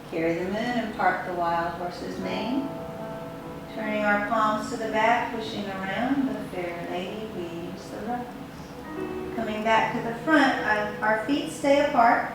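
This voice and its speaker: A woman leading guided tai chi as an instructor, giving step-by-step movement directions in unhurried, measured phrases. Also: medium pitch. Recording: very echoey room, distant mic, music behind.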